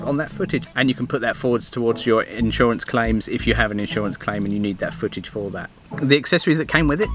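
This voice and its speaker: A middle-aged man talking casually through a product review, rambling a little and restarting his sentences. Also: on the low side. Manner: rambling, restarts often, plain and friendly. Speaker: vlogger reviewing a dash cam.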